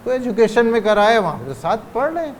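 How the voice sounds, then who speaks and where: A man's voice: very high-pitched, expressive, a little hiss or hum. A man giving a religious lecture, asking rhetorical questions and stretching out key phrases for emphasis. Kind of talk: Urdu religious lecture on parenting.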